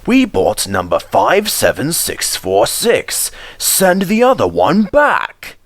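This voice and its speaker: A man's voice: fairly high pitch, huge pitch swings, slow pace, no room sound, pitched above the performer's own voice, exaggerated voice. A man voicing a stern, exasperated railway controller with a commanding, emphatic manner in a storybook reading.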